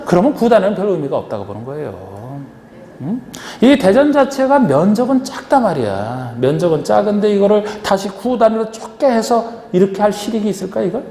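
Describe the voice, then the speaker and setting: A man's voice: high-pitched, big pitch swings, brisk, dark tone. A man teaching a class, lecturing in a coaxing way and asking his students question after question. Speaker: real estate agent exam instructor. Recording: echoey lecture hall with faint noise.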